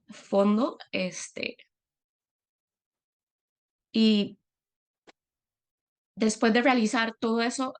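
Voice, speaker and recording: This middle-aged woman from Latin America delivers a personal talk as an invited speaker, earnest and thoughtful, frequently stopping on filler words. Her pitch is on the high side.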